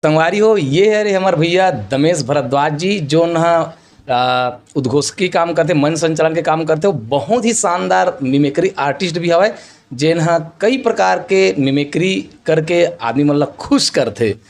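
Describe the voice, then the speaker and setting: A man's voice: fairly high pitch, measured pace. A man with a Chhattisgarhi accent hosting a vlog, chatting casually and addressing his viewers again and again. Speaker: vlogger host.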